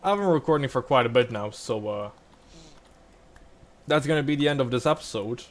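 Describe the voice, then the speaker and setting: A man's voice: mid-range voice, brisk. A young man casually rambling over gameplay, full of likes and restarts. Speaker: gaming vlogger.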